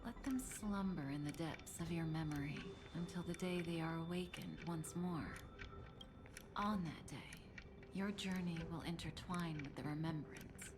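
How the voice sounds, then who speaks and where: A woman plays an enigmatic outlaw woman from a game. She speaks low and slowly, hushed and breathy, calm, solemn and quietly caring, over ambient noise. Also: lightly acted. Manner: measured, hushed, breathy delivery. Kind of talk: video game voice acting.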